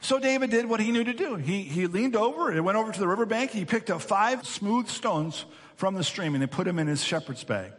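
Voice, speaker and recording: Male pastor, fairly high voice, emphatic sermon delivery, long hall reverb. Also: a little fast. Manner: animated, emphatic, repeats words.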